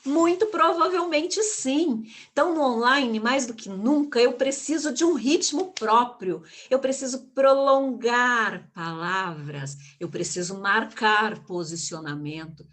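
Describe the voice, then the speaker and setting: A woman's voice: sits high, animated, unhurried, few pauses, fairly bright tone. A woman giving an online lecture on public speaking, emphatic and full of rhetorical questions. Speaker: communication speaker, guest of an online live.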